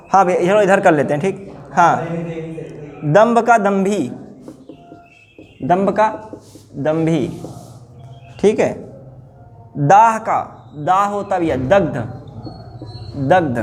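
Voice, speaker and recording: A man's voice: high-pitched, a little hiss or hum. A man teaching a grammar class, repeating each word and putting questions to his students. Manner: drilling words, repeating answers, asking the class questions.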